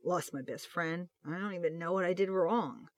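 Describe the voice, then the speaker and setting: A reader voicing a hurt, withdrawn and refined male police detective in an audiobook of fan fiction, speaking quietly in a raw voice. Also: medium pitch, normal speed, no echo, close to an everyday voice.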